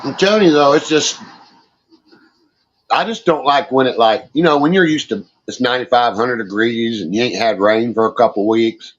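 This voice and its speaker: A man in his fifties chats casually and folksily, swearing freely, in a mid-range voice at a normal speed. The recording sounds dull and muffled.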